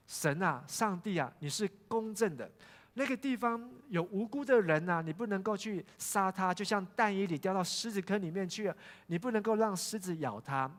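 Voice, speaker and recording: A man's voice: high-pitched, animated, moderate pace, pitched above the performer's own voice. A male pastor voicing a humble, aged patriarch pleading earnestly with God. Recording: long church hall reverb.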